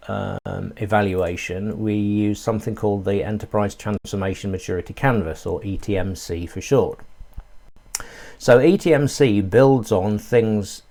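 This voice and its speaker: Guy running a webinar tutorial, lowish voice, lots of ums while he explains. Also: mellow. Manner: explanatory, thinking aloud with frequent "um" and "uh". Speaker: course instructor. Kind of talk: live online tutorial.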